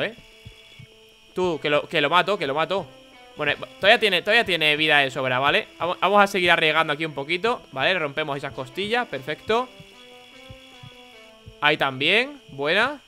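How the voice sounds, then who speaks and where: A young man with a Spain Spanish accent, giving excitable, chatty gameplay commentary and laughing often. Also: on the high side. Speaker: gaming YouTuber.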